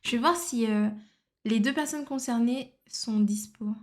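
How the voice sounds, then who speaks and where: A woman's voice: a little high, unhurried. A woman streamer chatting casually while she draws, slipping English phrases into her talk and muttering to herself as she works. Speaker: art livestreamer. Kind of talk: casual livestream chat while drawing.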